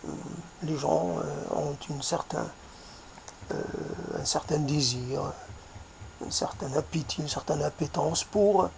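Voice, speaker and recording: Soft accented guy thinking out loud, lots of ums, kinda high voice and slow. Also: vocal fry, a little hiss or hum. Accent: foreign accent in French. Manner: hesitant, searching for words, many fillers; soft-spoken. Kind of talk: reflective spoken monologue.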